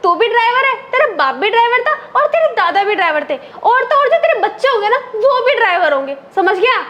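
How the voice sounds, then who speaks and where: A woman's voice: big pitch swings, quick pace, sharp tone, exaggerated voice. A young woman playing an arrogant rich wife who scolds and mocks her driver. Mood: scornful. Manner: shrill, scolding, mocking. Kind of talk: amateur web drama acting.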